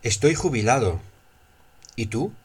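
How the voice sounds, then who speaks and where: A man with a husky voice reads short example phrases for a language lesson. His pitch is average for a man and moves in a lively way through the scripted questions and answers. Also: measured pace.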